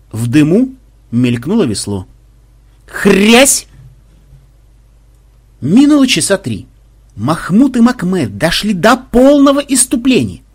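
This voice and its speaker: A man narrating a story aloud in a lively, ironic audiobook style. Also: a little high, breathy edge. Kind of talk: expressive audiobook reading.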